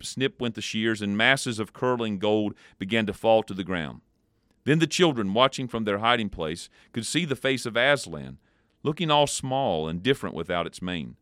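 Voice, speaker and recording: Man, devotional host, reading a story aloud, measured and expressive, low voice, dry close sound. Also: no echo.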